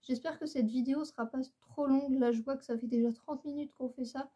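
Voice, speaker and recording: A woman's voice: high voice, fairly even intonation, fairly quick, mellow. A woman chatting casually as a YouTuber, hesitant and apologetic, with many fillers and restarts. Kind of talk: casual chat. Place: bedroom at home by a window.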